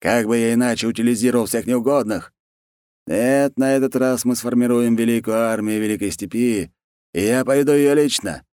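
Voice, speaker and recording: A man's voice: medium pitch, moderate pace, a little mellow, smooth, no room sound, voice pushed up, natural voice. A man voicing a fat, lazy and cruel khan who talks in a peevish, bossy way.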